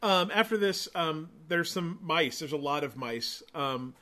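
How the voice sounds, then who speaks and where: A man with a slightly higher voice trades sarcastic, wry remarks in a loose, casual chat. He sounds amused and easygoing while making fun of a movie. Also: expressive, unhurried, bright, forceful tone.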